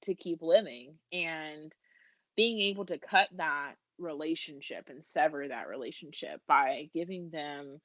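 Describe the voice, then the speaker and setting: An American woman in her thirties, a business founder, talks casually and earnestly in a podcast interview, self-deprecating and laughing as she speaks. Her voice sits low and a bit bright at a measured pace, in a dry recording.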